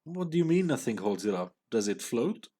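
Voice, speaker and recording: A man reading aloud the lines of a teenage boy who leads a gang, sounding quick, questioning and slightly scornful. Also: mid-range voice, sing-song, warm tone, husky. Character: teenage boy gang leader, proud but uneasy.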